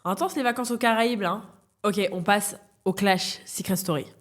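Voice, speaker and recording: A woman's voice: medium pitch, normal speed. A young woman giving casual, teasing reaction commentary on reality TV clips, often laughing. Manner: chatty, teasing, laughing asides.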